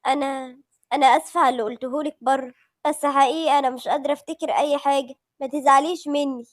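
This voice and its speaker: A woman's voice: high-pitched, fairly even intonation, rapid-fire, dry recording, studio quality, lightly acted. A woman with an Egyptian accent voicing a frightened young wife who has lost her memory and stammers nervously. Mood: anxious. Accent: Egyptian Arabic.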